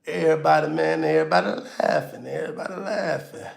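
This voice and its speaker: A man talks loosely to his livestream viewers in slangy, easygoing chat. His voice runs through auto-tune and is gravelly and a little high. The sound carries the ring of an echoey room. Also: fairly even intonation, fast. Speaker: livestream host.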